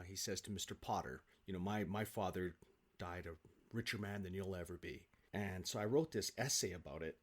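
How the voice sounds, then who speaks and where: Probably middle-aged, a man sits low in his voice as an interview guest on a remote call from his home office. He tells anecdotes casually, animated and self-deprecating, though his speech is halting.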